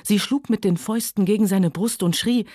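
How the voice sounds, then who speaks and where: A woman narrating a novel aloud in calm, measured scripted storytelling. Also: mid-range voice, no echo, clean studio sound. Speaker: audiobook reader.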